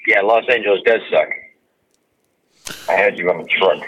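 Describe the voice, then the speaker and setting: A man's voice: lowish voice, normal speed, a loud crowd. A man co-hosting a podcast in casual chat, joking and ribbing his partner. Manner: joking, wisecracking. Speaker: podcast co-host. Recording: slightly dull lo-fi audio.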